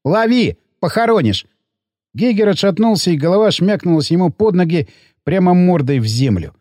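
A man narrating an audiobook in a gruff, coarse first-person voice. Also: sits high, expressive, fairly quick, warm tone, no echo, clean studio sound.

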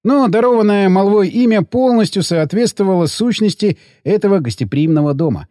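A man narrating an audiobook in an expressive, ironic storytelling manner. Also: high voice, a little fast, no echo, clean studio sound.

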